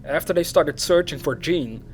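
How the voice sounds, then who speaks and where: A man with a fairly high voice hosts a true crime series, reading the story aloud at a moderate pace. Music plays behind him, and there's slight background noise.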